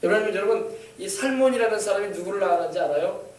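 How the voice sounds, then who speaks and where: A man's voice: sits high, lively intonation, fast talker, echoey room, distant mic. A man preaching a sermon as pastor, often calling out hallelujah and acting out quoted dialogue. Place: church sanctuary.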